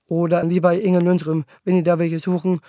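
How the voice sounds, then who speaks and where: Young adult man, aspiring actor; high, flat delivery, earnest and stumbling, dry recording. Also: dry recording. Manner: halting, earnest, many restarts. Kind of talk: casual monologue to camera.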